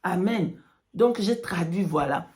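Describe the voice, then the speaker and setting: A fairly low, slightly mellow voice, slow yet animated, with slight background noise behind it. The woman offers followers a religious testimony in broken non-native French, peppering it with English and repeating phrases for emphasis.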